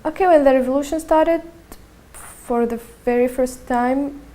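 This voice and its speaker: In an interview, a twenty-one-year-old woman from Syria haltingly shares her personal testimony, repeating words frequently. She speaks with a Syrian accent in a mellow voice that sits high.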